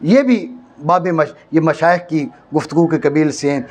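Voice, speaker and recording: A man from Pakistan teaching a classroom lecture, often stopping to check that students follow and slowly repeating key phrases for stress. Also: fairly high pitch, soft background music. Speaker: teacher of Arabic grammar. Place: madrasa classroom.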